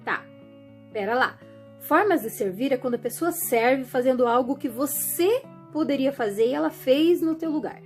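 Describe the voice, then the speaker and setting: A woman talking to her viewers in a chatty, animated way, often acting out what other people say. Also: sits high, moderate pace, faint music behind. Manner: chatty, animated, acts out quoted voices. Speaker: vlogger. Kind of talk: casual monologue to camera.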